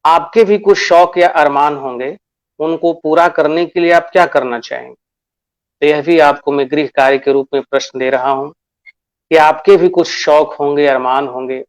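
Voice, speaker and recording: Male teacher from Bihar, slightly high voice, unhurried classroom delivery with lots of repetition. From Bihar, India. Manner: slow and deliberate, addresses pupils as children; repeats key phrases and asks questions to himself. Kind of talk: classroom lesson.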